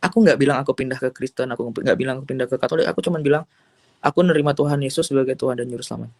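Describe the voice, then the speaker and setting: A man's voice: medium pitch, racing, a little mellow, no echo. Earnest young man giving testimony. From Indonesia. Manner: earnest, emotional storytelling with many fillers. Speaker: testimony giver. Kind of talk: personal testimony.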